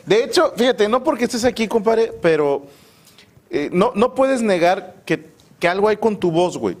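A man's voice: high-pitched, animated, moderate pace, slight background noise. A man with a Mexican accent hosting a casual interview, joking and teasing in crude slang. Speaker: talk show host.

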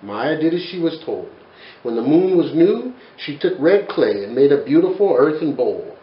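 A man in his forties reads a children's picture book aloud in a study lined with bookshelves, telling the story in an expressive, animated way. His voice sits on the high side and moves at a moderate pace. The room echoes and the sound is lo-fi.

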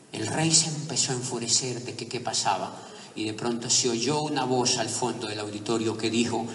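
Man, motivational speaker, lively storytelling, roomy distant sound with faint noise behind. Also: medium pitch. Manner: animated storyteller who builds to emphatic, raised-voice points. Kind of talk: storytelling talk to a live audience. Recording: echoey hall, voice picked up from a distance.

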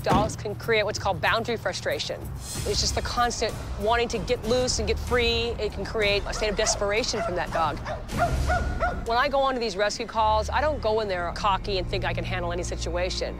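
A middle-aged woman who runs an animal rescue shelter, talking in a direct, plain-spoken way with casual fillers, speaking outdoors on a lapel mic for a reality TV show. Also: medium pitch. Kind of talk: reality TV interview and on-location talk. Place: outdoors in open fields and lots. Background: background music.

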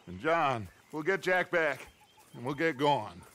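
A man's voice: a little high, big pitch swings, a little slow, a bit bright. A man playing a grandiose, defiant middle-aged outlaw gang leader in a western game, with theatrical, commanding oratory. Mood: urgent, commanding. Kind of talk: dramatic video game western acting.

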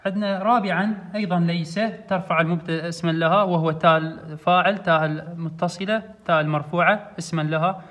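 Fast-talking high-voiced Iraqi male teacher. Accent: Iraqi Arabic. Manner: steady explanatory, repeats rules. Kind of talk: grammar exercise walkthrough.

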